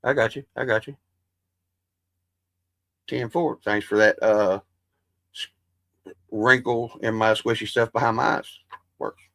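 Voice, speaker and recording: A livestream host speaks unhurriedly in a steady, creaky, mid-range voice that's a bit bright, pausing often. He chats with viewers in a casual, rambling, profane way and describes his voice as soothing. The recording is dry.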